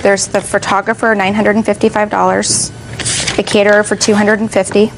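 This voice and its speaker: A woman's voice: mid-range voice, little pitch movement, a little fast. Woman plaintiff testifying, faint background noise. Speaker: plaintiff in TV court. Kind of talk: formal courtroom testimony.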